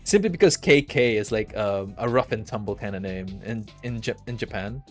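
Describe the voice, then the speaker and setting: A man streaming a game, reading its story aloud and breaking off into excitable, laughing, sometimes swearing commentary. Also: on the low side, fairly quick, soft background music.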